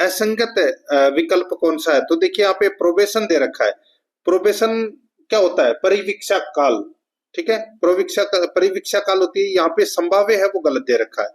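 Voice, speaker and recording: A man teaching as an exam coach, going through answers one by one, repeating key terms and calling his viewers friends. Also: fairly high pitch.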